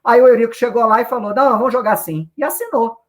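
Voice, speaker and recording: A Brazilian man with a very high voice talks quickly in a Brazilian Portuguese accent. As a guest, he offers casual, opinionated football analysis, swearing offhandedly and often restarting his sentences.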